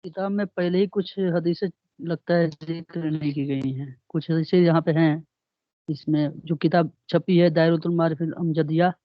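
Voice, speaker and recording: A man's voice: fairly high pitch, fairly even intonation, normal speed, no echo, highs cut off. A man who is a student politely pointing out to his teacher which parts of the book are missing. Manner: deferential, addresses the teacher as hazrat. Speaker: student in the class. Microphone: remote call line.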